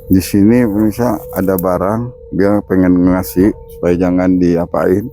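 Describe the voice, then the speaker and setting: A man's voice: deep voice, flat delivery, measured pace, mellow, faint music behind. A man, a spiritual healer, explaining on an outdoor ghost-hunting walk and commanding spirits sternly. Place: outdoors in a garden.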